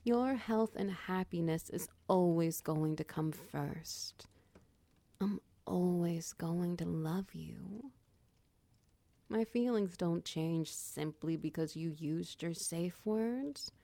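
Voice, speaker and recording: A woman playing a tender, protective girlfriend in a whispered comfort roleplay, talking softly and reassuringly, close to the mic. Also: fairly low pitch, gravelly, dry recording. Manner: soft, slow, reassuring, half-whispered. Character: tender protective dominant girlfriend, doting and patient. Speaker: audio roleplay performer.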